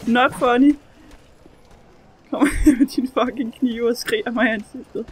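A woman giving excitable let's play commentary, swearing and shrieking as she plays. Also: fairly high pitch, slight background noise. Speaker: gamer.

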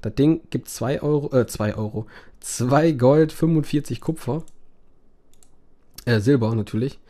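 A man's voice: medium pitch, unhurried, warm tone. A man doing let's play commentary on a browser game, swearing and groaning at it with sudden dramatic outbursts, his voice strained from talking for hours.

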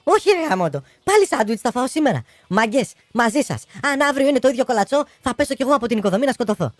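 A man voicing a fed-up Pontic Greek builder who complains loudly and whinily. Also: extremely high pitch, big pitch swings, no echo, soft background music, pitched above the performer's own voice. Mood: exasperated. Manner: loud, whiny complaining.

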